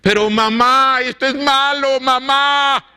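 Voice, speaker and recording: A man's voice: steady tone, slow pace, bright, forceful tone, clear, resonant tone, heavily acted. A man voicing an earnest young man who has just converted, in a raised, strained voice. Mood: pleading. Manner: high, strained, eager voice.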